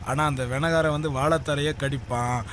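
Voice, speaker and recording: An actor playing a cocky, boastful young man who jokes and bosses others with brash shouts. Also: on the high side, steady tone, normal speed, a little hiss or hum, natural voice. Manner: brash, joking, bossy shouts. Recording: film soundtrack with loud music.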